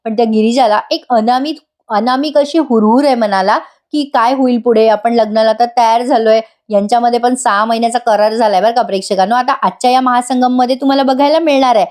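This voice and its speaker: A woman's voice: a little high, fairly even intonation, fairly quick, darkish tone. A woman narrating a voice-over review of a TV serial, chatty and addressing viewers directly.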